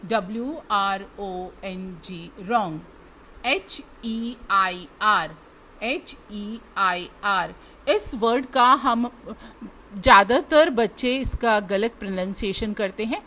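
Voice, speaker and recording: Speaking straight to her class, an Indian woman works through English spelling, naming every letter and repeating each word. Her mid-range voice has a somewhat bright quality, and there's a light hiss or hum on the track.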